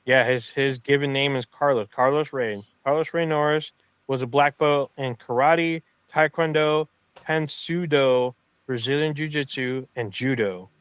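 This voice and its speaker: A man with a medium-pitched voice co-hosts a podcast, reading a casual tribute in halting phrases. The sound is dry and a little dull, with no room echo. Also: fairly bright tone, clean tone. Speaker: podcast co-host. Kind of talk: casual tribute read from notes. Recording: dry, slightly dull lo-fi mic.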